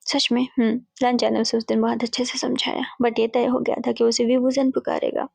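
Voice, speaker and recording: A woman narrating a retold romance story in a chatty, casual way, sprinkling in English words. Her voice is high and gravelly with a husky grain. The sound is close and dry with faint music underneath. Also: flat delivery, a little fast, a little mellow, no echo. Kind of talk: casual storytelling, retelling fan fiction.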